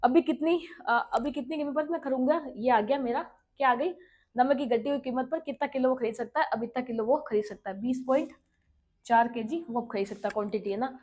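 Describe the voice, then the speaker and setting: A woman with a high voice teaches an exam-prep maths lesson. She works through each problem step by step, keeps checking in with her students, and reads English questions out slowly, word by word. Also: darkish tone. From India. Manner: explains step by step, checking with "ठीक है".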